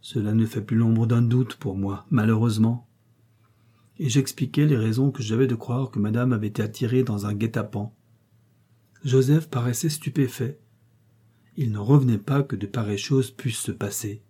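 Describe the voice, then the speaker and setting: A man's voice: mid-range voice, moderate pace, warm tone, breathy edge. A man reading a novel aloud in the first person, with dramatic, emotional delivery. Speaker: audiobook reader.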